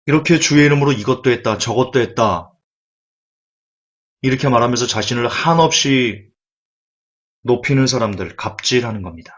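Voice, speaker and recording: A man's voice: medium pitch, moderate pace, pauses often, fairly bright tone. Emphatic male preacher, lo-fi. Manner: emphatic, rhetorical questions. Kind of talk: sermon.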